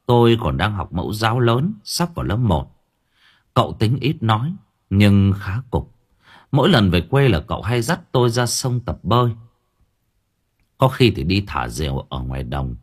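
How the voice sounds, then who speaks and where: A man narrating a first-person horror story for an audiobook in a measured, expressive way. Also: lowish voice, slightly rough.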